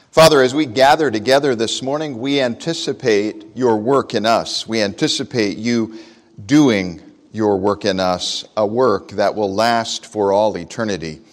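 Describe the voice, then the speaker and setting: A man preaching a sermon and leading prayer at a pulpit microphone, speaking in an unhurried, conversational way with frequent fillers. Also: on the low side. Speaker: pastor. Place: church sanctuary. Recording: long church reverb.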